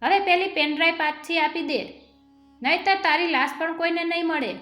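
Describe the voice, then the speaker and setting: A woman's voice: very high-pitched, normal speed, a bit bright. A woman voicing a threatening male thug in a spoken story. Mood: menacing. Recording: echoey room with faint music.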